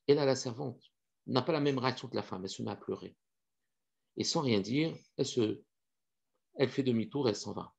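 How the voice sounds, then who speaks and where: A man teaching a Torah lesson, telling a story in an animated way with many hesitations. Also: mid-range voice, a little fast, vocal fry, long pauses. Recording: dull lo-fi recording.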